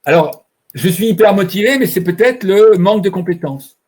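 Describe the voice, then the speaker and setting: A man's voice: high voice, expressive, moderate pace, darkish tone. A man presenting an online training webinar, talking over a computer mic and explaining by asking himself questions. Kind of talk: live online training talk.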